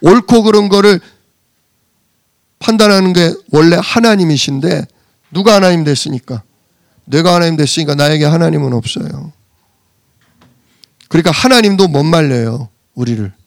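A man's voice: a little high, normal speed, pauses often, dry recording, clean studio sound. A man preaching a sermon, asking rhetorical questions and answering them himself, with emphatic bursts. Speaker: pastor.

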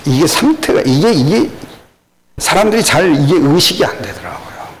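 An older man preaching a sermon, questioning the congregation and swinging between loud rises and low murmurs. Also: big pitch swings, normal speed, slight background noise, rough recording. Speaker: pastor.

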